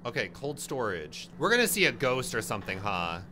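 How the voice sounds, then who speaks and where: A young man giving casual, jokey let's-play commentary on a horror game, with loud, jumpy reactions. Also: mid-range voice, very animated, brisk, background noise. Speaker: gaming YouTuber.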